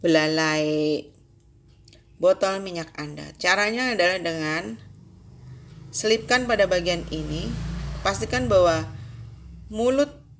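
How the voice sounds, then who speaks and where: A woman explaining sewing machine upkeep step by step, slow and instructive, addressing the viewer formally. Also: lowish voice. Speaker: sewing tutorial host. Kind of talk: step-by-step tutorial narration.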